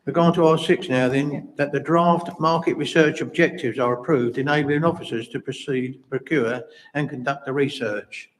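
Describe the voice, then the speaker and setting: Man, council chairman, measured, procedural, mid-pitched. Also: steady tone, a little hiss or hum, poor audio.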